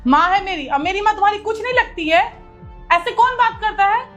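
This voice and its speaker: A woman's voice: very high voice, lively intonation, brisk, a bit bright, faint music behind. A woman playing a young wife who firmly stands up to her husband to defend her mother, in a family drama skit. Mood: upset defiant. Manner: pleading, then firm and defiant.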